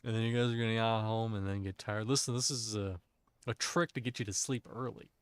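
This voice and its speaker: A man's voice: lowish voice, fairly even intonation, brisk, clear, resonant tone, no room sound. Playful man in casual gaming chat. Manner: playful, jokey, self-teasing. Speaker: streamer playing an online game with friends. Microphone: desk microphone.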